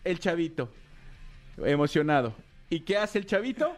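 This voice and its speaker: Animated Mexican radio host, storytelling. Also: male voice, fairly high pitch, moderate pace, soft background music. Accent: Mexican Spanish. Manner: animated storyteller, acts out quotes. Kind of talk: casual radio chat, storytelling.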